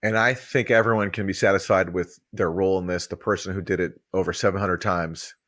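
A man's voice: low-pitched, steady tone, fairly quick, a bit bright, no room sound, clean studio sound. A man co-hosting a podcast, bantering casually in a mock-solemn, ironic way. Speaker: podcast co-host.

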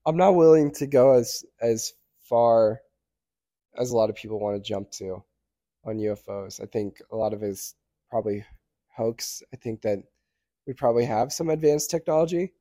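A man's voice: medium pitch, moderate pace, warm tone. A man co-hosting a podcast, chatting casually, hesitant and often laughing as he trails off. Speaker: podcast co-host. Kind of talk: casual chat.

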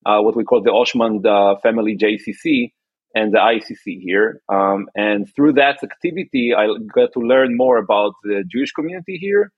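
A man from Israel, answering interview questions in a halting way, often restarting and searching for words. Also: on the low side, breathy edge, no room sound, phone-quality sound. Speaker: guest, entrepreneur and activist.

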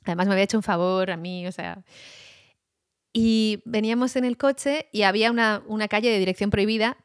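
A woman's voice: mid-range voice, dry recording, studio quality. A young woman, an interview guest, telling a casual anecdote and laughing often as she goes.

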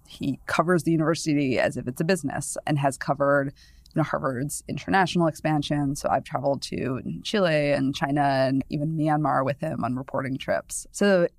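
A woman in her thirties from New England, a newspaper columnist appearing as a podcast guest, talks in a low-pitched voice a little fast. Her casual conversation is chatty and discursive, full of "you know" asides and easy laughs. The sound is studio quality with no echo.

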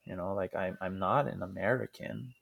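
A man's voice: deep voice, normal speed, creaky, fairly bright tone. A man from Hawaii, a podcast guest, telling history in a casual, earnest way and acting out the people he quotes. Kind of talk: casual conversational storytelling.

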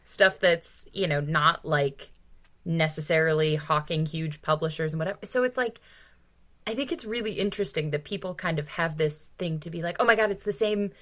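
Low-pitched and speaking at normal speed, a woman with a slightly bright tone co-hosts a casual podcast on books. Informal and emphatic, she uses "like" often and swears mildly.

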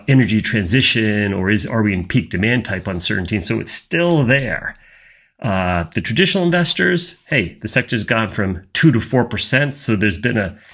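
A man's voice: on the low side, fairly bright tone. A man giving an emphatic, opinionated video commentary on energy markets.

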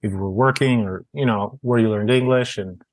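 A man's voice: lowish voice, normal speed, no room sound. A man interviewing a guest, asking long, loosely phrased questions.

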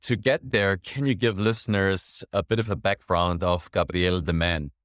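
Hosting a podcast interview, this man speaks at a moderate pace in a low voice with a slightly bright edge. He sounds enthusiastic and keeps closing sentences with "right?". The studio audio is clean and free of room sound.

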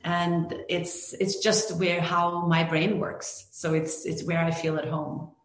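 Speaking slowly and flatly in a voice on the low side, a woman from Norway who works as a film director gives thoughtful interview answers. She often starts over and leans on fillers, and the recording space echoes.

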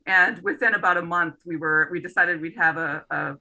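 A middle-aged woman with a very bright, forceful voice and a fairly low pitch tells a personal story as a podcast guest. She is lively and chatty, and laughs and restarts her sentences as she goes. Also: normal speed, low-quality recording. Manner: animated anecdote-telling with frequent laughs and restarts. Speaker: guest, literary scholar. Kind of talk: conversational interview storytelling.

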